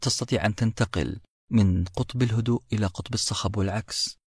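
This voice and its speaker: A man with a deep, slightly husky voice narrates a book-summary podcast in a reflective, storytelling manner, speaking directly to his listeners. The recording is dry and close, with soft music playing underneath. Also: fast, no room sound. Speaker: podcast host.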